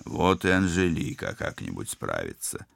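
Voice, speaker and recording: Man playing a calm, firm ship captain. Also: sits low, moderate pace, vocal fry, no room sound, exaggerated voice.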